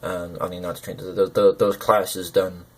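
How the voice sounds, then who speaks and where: A man with a low voice speaks haltingly in a personal video. His lip sounds are soft and slurred, as though his mouth were numb from the dentist. He often hesitates and searches for his words. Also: little pitch movement. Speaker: gaming video creator. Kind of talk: personal talk to camera.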